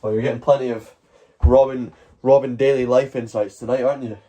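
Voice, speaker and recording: A man's voice: mid-range voice, steady tone, fairly quick, dark tone. A Scottish man chatting casually on a livestream, rambling along with jokey mock-boasting. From Scotland. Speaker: live streamer. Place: at home, moving between outdoors and indoors.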